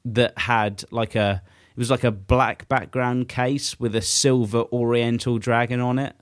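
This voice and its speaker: A man in his mid twenties talks in loose, rambling casual chat, swearing freely and getting animated as he goes. His voice sits at an ordinary middle pitch. The sound is dry and close, with no room around it. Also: a little slow, clear, resonant tone, dry recording. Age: 20s.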